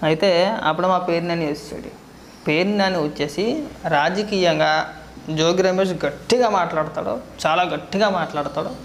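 A man giving heated political commentary, scolding his target with rapid rhetorical questions. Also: a little high, echoey room, slight background noise.

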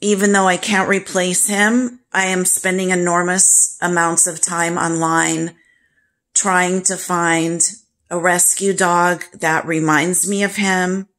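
A woman vlogger telling a personal story to camera in a slow, halting, grief-stricken way. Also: on the low side, little pitch movement, fairly bright tone.

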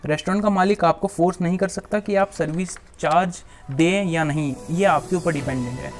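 Speaking a little fast in a fairly high voice, a young man from India explains something to camera for his YouTube channel. His manner is instructive, and he addresses viewers as friends. Soft music plays behind him, recorded through a shirt clip-on mic in a small, plain-backdropped room.

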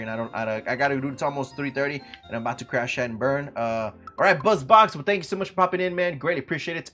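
Seen on webcam in a room at home, a young man live-streams a game and banters loosely with his chat, swearing and cracking jokes as he goes. He has a medium-pitched, slightly bright voice.

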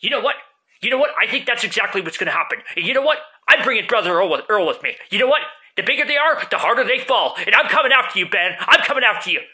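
A man's voice: mid-range voice, expressive, fast, bright, forceful tone, husky, voice pushed down, heavily acted. A man arguing with himself in a comic skit, playing a proud, easily hurt and defiant guy who repeats himself indignantly. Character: proud, hurt, defiant novice phone video maker. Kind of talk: comic self-argument skit. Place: small room indoors. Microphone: phone at arm's length.

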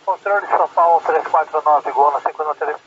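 A man's voice: a little high, quick pace. A man speaking as an airline pilot over an aviation radio, giving clipped, formulaic readbacks. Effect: aviation radio transmission. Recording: muffled radio with static.

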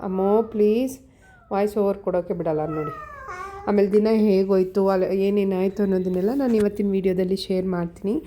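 A woman's voice: medium pitch, fairly even intonation, mellow, a little hiss or hum. A woman vlogger, chatting through a casual voice-over about her day. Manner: chatty, quick, explaining daily routine.

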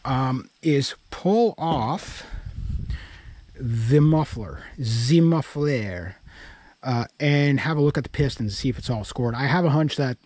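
Speaking slowly in a medium-pitched, slightly mellow voice, a middle-aged Canadian man rambles casually for his vlog, working things out aloud. There's no room sound; an action camera on his body or at arm's length captures him outside in a grassy yard by a pickup truck.

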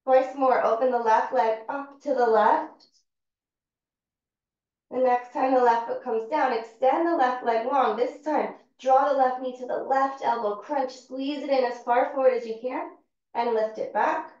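Calm woman cueing yoga in an echoey room. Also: high-pitched. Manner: calm, unhurried cueing of movements. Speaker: yoga teacher. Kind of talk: guided yoga class instruction. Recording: far-off, echoey, dull-sounding room recording.

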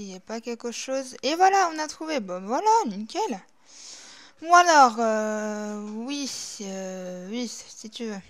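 A woman commenting casually while playing a horror game, chatty and rambling. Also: fairly high pitch. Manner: chatty, rambling, drops to whispers when tense. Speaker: gaming YouTuber. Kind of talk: casual let's-play commentary.

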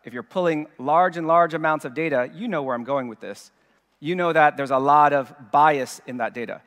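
A man in his forties gives a keynote on a large stage, his voice a little higher than most men's. He explains in an easy, conversational way through a headset mic, and a long reverb trails from the hall. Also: a bit bright. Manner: explanatory, conversational, addresses audience directly. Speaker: keynote speaker. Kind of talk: conference keynote talk.

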